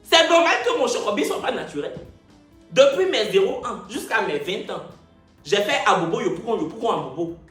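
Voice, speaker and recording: A man's voice: high voice, brisk, roomy sound, soft background music. A man in his twenties with an Ivorian French accent, telling a comic story from his life on his video channel. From Ivory Coast. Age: 20s. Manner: animated, joking, repeats phrases. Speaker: YouTuber.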